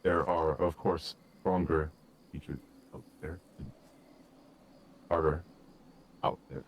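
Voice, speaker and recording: A man's voice: a bass voice, steady tone, slow pace, slight background noise. A man voicing a solemn male guardian creature in stiff, formal speech, his audio choppy with word endings cutting out. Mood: grave. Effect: choppy audio, words cutting out at the ends. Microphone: close to a headset or desk mic.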